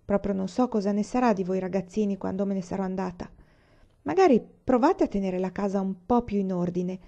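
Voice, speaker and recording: A stubborn, sullen orphan girl who talks bluntly and plainly, as a woman reading aloud puts her on. The voice sits mellow and warm rather than bright. The recording sounds slightly dull and lo-fi. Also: medium pitch, fairly quick, close to an everyday voice.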